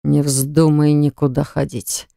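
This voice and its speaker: A reader voicing a jealous, hot-tempered man who growls and hisses his words, lower than the narration, in an audiobook. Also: steady tone, brisk, clear, resonant tone, no room sound, studio quality, close to an everyday voice. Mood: seething. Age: adult. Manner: growling, hissing through teeth. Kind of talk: audiobook acting.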